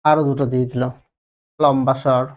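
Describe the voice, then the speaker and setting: A man's voice: mid-range voice, little pitch movement, fairly quick, muffled recording. Male teacher, West Bengal Bengali accent, exam-prep lesson, repeats himself, asks and answers his own questions. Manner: drags out vowels to demonstrate.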